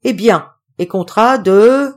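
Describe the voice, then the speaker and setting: A woman reading an audiobook, voicing a grumpy, quick-tempered old uncle who scolds loudly. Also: natural voice. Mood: stern. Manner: scolding, gruff and booming.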